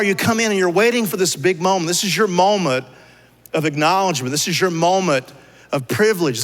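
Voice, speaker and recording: A male pastor with a high, fairly bright voice preaches in a church sanctuary, asking his listeners rhetorical questions in a conversational manner. The recording carries long church hall reverb.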